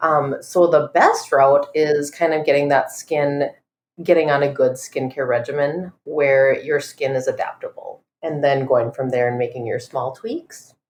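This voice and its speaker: A woman with a notably low voice, chatting and joking on a podcast. She speaks in a casual, easygoing way. Her voice carries a roomy echo, as if heard over a video call. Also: fairly even intonation, unhurried. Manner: laughing, joking. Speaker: family nurse practitioner.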